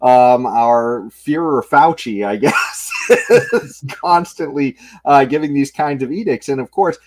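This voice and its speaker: A man hosting a political talk podcast, with a voice of average pitch for a man. He talks in an easygoing way and pauses on fillers. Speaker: podcast host. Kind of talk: casual political discussion.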